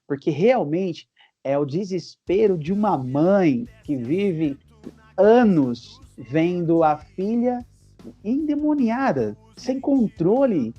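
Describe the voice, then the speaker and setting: A Brazilian man retells a Bible scene vividly, urging the listener to picture it. His voice is high, husky and mellow. The recording is dull and lo-fi, with faint music behind. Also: no room sound. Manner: vivid storytelling, says "imagina a cena". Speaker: Bible study podcast co-host. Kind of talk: casual Bible teaching chat. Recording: dull lo-fi sound.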